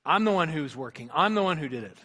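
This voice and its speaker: A middle-aged pastor preaches in a hall with a long, lingering reverb, his voice sitting a little high for a man. He tells stories and slips into voices as he quotes people, moving between hushed lines and louder ones. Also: expressive, quick pace. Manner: storytelling, acts out voices in quotes. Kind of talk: sermon.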